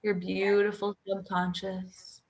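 A woman guiding a hypnosis session as a hypnotherapist, speaking softly and soothingly in repetitive phrases. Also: medium pitch, flat delivery, slow pace, rough recording.

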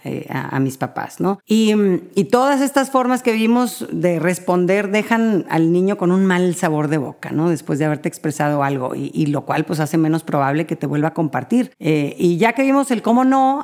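A woman giving a parenting talk that walks through common mistakes, filling her pauses with "este" and "¿no?" and briefly acting out parent and child lines. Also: low-pitched, darkish tone. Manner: fills pauses with "este" and tag questions "¿no?"; acts out parent and child lines in quick short voices. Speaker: parenting educator.

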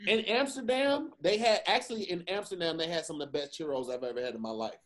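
A man's voice: fairly high pitch, fast talker. An American man hosting a podcast in a casual, bantering group-chat style. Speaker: podcast host.

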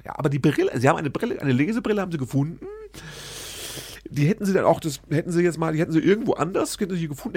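A man casually telling a story to his listeners, animated and self-deprecating, acting out both sides of the dialogue. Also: on the high side, vocal fry, husky, dry recording.

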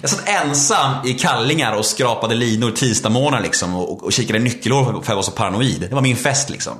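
A man's voice: mid-range voice, expressive, fairly bright tone, echoey room. A man in his thirties candidly telling his life story, with lots of restarts and fillers. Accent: Swedish. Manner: repetitive restarts, frequent filler "liksom". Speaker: podcast guest.

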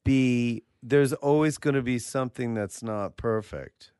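A man hosting a podcast, chatting casually with teasing, deadpan remarks. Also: medium pitch, unhurried, smooth, dry recording, clean studio sound. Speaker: podcast host. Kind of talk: casual banter.

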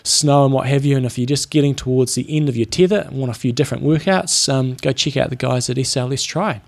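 A man with a New Zealand accent co-hosts a sports podcast. He talks quickly at an average male pitch, in an informal, slangy way, as in a casual chat between training mates. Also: creaky. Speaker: podcast co-host.

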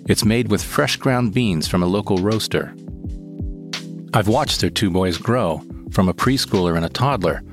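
A man reading a first-person story in a calm, measured way. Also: on the low side. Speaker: narrator. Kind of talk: scripted first-person narration. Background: guitar music.

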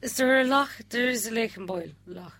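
A woman's voice: on the high side, brisk, a bit bright, no echo. A woman from Mayo with a west of Ireland accent, talking casually as a contestant in a quiz. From County Mayo, west of Ireland. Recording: noticeable background noise and hum.

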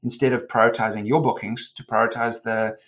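A South African man in his forties, a company founder, giving measured explanatory answers in an interview, trailing off with "et cetera". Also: mid-range voice, flat delivery, fairly bright tone. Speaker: guest, company co-founder and CEO.

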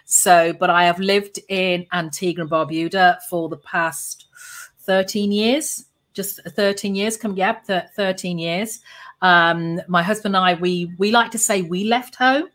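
A woman's voice: on the low side, fairly even intonation, measured pace, fairly bright tone. A woman in her fifties with a Birmingham accent, hosting her podcast and talking about her own career in a self-assured way. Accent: Birmingham English. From Birmingham, England. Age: 50s. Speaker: podcast host and career strategist. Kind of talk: podcast intro and conversational interview.

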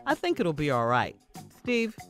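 Woman with a low, lively voice giving advice. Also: moderate pace, soft background music. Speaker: radio show co-host reading listener letters. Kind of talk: relationship advice chat.

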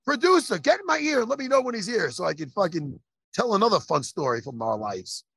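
A man hosting a casual podcast chat, animated and profane, given to laughing and telling stories. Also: high voice, a little fast, gravelly, slightly rough. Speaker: podcast host.

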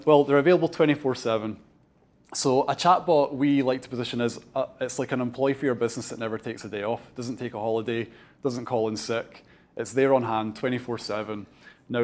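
Chatty man giving a business talk. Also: medium pitch. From Scotland. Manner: chatty, many ums and restarts, laughs at own jokes. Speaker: company co-founder giving a talk. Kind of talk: conference presentation. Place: event room with an audience.

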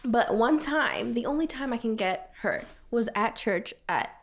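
Animated young woman telling a story. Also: a little high, unhurried. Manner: animated, laughing, fillers of "like". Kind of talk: casual chat, storytelling.

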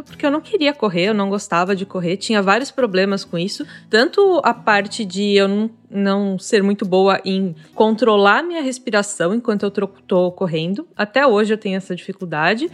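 Calm woman telling a story. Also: on the high side. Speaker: podcast host. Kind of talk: casual podcast chat.

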